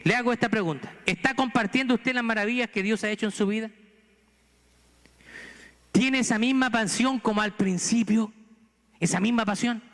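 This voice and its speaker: A man's voice: sits high, a bit bright, long reverb tail. A man from Chile, a pastor with a Chilean accent, preaching a sermon earnestly and pressing the congregation with rhetorical questions. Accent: Chilean Spanish. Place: church sanctuary.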